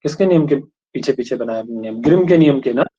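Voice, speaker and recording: Guy teaching a class, always asking students if they got it, kinda husky, muffled low-fi audio. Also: animated, a little fast, mellow. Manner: keeps questioning students and checking they understand. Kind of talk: classroom lecture. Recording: dull lo-fi recording.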